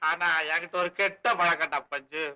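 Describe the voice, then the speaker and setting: A man playing a rowdy, jokey drinking buddy in a film comedy, with loud drunken banter. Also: a little high, moderate pace.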